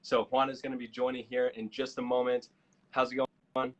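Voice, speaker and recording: An American man hosts a live online show, reading upbeat plugs and then introducing his guest. He fills his pauses with uhs and ums. His voice sits at an ordinary pitch for a man. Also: completely flat delivery, a bit bright, lo-fi sound. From United States. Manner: upbeat, with promo plugs and fillers. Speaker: host.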